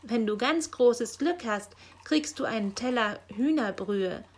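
A woman voicing a lively, caring female helper in an emphatic, high-pitched manner in a storybook reading. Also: unhurried. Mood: teasing.

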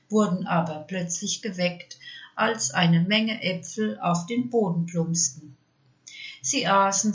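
A woman reading her own fairy tale aloud in a calm storytelling manner. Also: lowish voice, muffled recording. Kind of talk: scripted fairy-tale narration.

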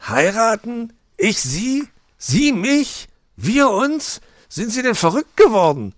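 A man voicing a flustered middle-aged male fox in a storybook, pitched high and loud. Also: expressive, normal speed, gravelly, dry recording, clean studio sound.

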